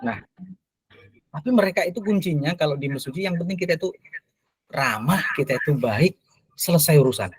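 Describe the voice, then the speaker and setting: A man, a teacher who is the guest on a talk show, telling stories in a lively, animated way. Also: fairly quick, long pauses, breathy edge, poor audio. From Lampung, Indonesia. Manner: animated storyteller, rises in pitch when excited. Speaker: teacher, invited guest speaker. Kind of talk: casual talk-show answer.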